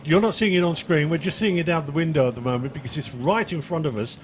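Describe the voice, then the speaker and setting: A man's voice: fairly high pitch, fast, noisy background. A man doing live race commentary in a chatty, jokey way, describing boats he watches out the window.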